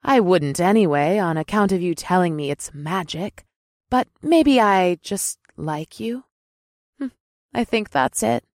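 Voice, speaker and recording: A man's voice: sits high, lively intonation, measured pace, no echo, studio quality, voice pushed up. A man voicing a purring, sly horned woman. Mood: flirty purring. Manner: purring, teasing, flares into hissing anger. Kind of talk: audiobook character voice.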